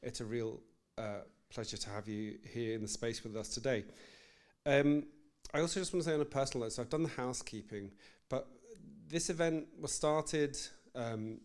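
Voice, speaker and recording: A young man welcomes an audience to an evening reading in a library, loose and self-deprecating, filling pauses with ums. His voice is smooth and resonant at a medium pitch. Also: a little mellow. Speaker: project manager and event host. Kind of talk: welcome remarks at a live poetry event. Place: library event space with an audience. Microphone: live-streamed event microphone.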